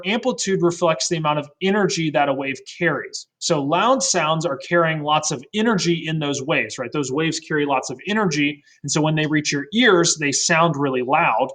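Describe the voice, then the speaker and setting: A man's voice: a little high, fairly bright tone. A man teaching a recorded science lesson in a casual way, often adding "right?" and correcting himself mid-sentence. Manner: fillers and self-corrections.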